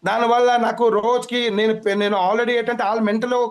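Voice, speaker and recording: Brief: Telugu-accented man being interviewed, high-pitched, rapid, urgent and repetitive. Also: level tone. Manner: urgent, repetitive, rushing to explain. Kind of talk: agitated phone-in complaint.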